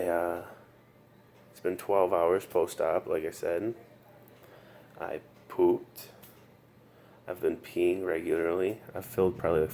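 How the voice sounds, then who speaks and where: A weary, subdued man freshly out of surgery, earnestly giving advice in a casual video diary, halting and repeating himself, recorded in a hospital room. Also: deep voice, warm tone. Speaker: patient sharing his recovery story. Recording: noticeable background room noise.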